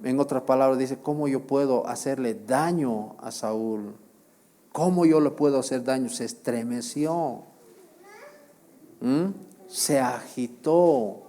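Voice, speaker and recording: Slow, mellow-voiced male preacher. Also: medium pitch. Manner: slow, emphatic preaching with repeated phrases and questions to the congregation. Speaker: pastor. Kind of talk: sermon.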